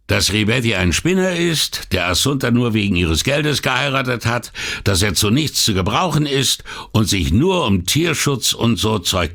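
A man doing a coarse, boastful older workman with a raised, lively voice that keeps swinging up and down. He gossips bluntly, pleased with his own cleverness, and his tone has a gravelly edge, as in an audiobook reading. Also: lowish voice, pitched above the performer's own voice, heavily acted. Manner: gossipy, blunt, proud of himself.

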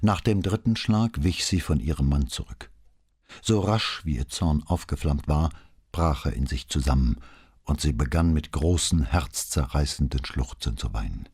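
A man narrating an audiobook in an expressive, measured reading. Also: very deep voice, breathy edge. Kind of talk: scripted narration.

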